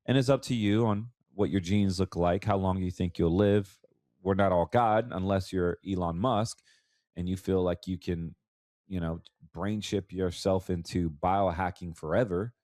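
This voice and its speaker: An American financial advisor hosts a conversational solo podcast, his voice stuffy and congested from allergies. He speaks low and steady at a normal speed, a little mellow, repeating words for emphasis, with clean studio sound and no room echo.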